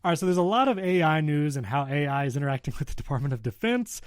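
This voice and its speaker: A man with a slightly higher voice co-hosts a casual tech show. He chats loosely, laughs often and reads news items aloud. The sound is dry and close, with no room around it. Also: expressive, quick pace, dry recording. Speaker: podcast co-host.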